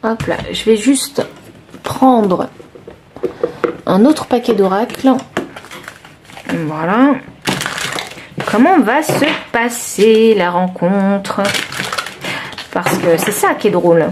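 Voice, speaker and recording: A woman's voice: mid-range voice, noisy background. Chatty southern French tarot reader woman. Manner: thinking aloud, hesitant with frequent fillers. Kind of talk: timeless tarot card reading to viewers.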